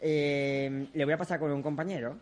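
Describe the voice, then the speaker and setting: A man's voice: on the high side, fairly even intonation, normal speed, a little mellow, lightly acted. A man playing a bumbling male phone support agent who hesitates and talks in circles, in a radio comedy sketch. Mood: placating.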